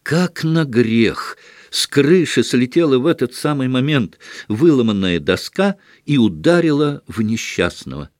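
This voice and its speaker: Measured male audiobook reader, dry close sound. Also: medium pitch, sing-song, no room sound. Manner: measured reading with acted outbursts. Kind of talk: scripted literary narration.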